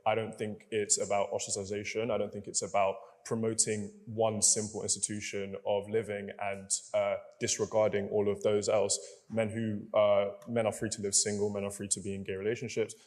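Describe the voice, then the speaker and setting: A man's voice: lowish voice, completely flat delivery, a little fast, few pauses, darkish tone. A young man debating as a student in public, sometimes searching for his words. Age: young adult. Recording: reverberant large hall.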